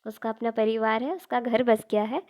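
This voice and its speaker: A woman's voice: fairly high pitch, fairly even intonation, moderate pace, darkish tone. Woman casually retelling a classic story. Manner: conversational, explanatory, mixing in English words.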